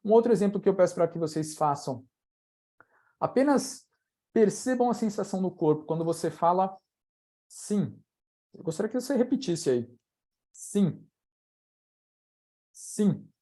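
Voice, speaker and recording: A man's voice: sits high, expressive, brisk, warm tone. A Brazilian man mentoring a live online audience, talking casually and walking listeners through exercises with frequent tag questions. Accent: Brazilian Portuguese. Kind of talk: live online coaching talk.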